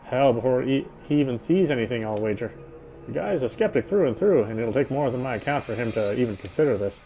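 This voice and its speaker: A male game streamer narrates a visual novel aloud with side comments, at times fumbling a line and saying words twice. His voice is mid-range and mellow, quick, with lively intonation.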